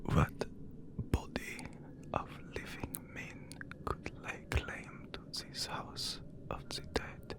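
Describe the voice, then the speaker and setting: A man voicing a haughty, courtly, immortal vampire count in a breathy, whispered ASMR roleplay, with formal, archaic phrasing. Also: slow pace, lightly acted. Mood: stern, suspicious.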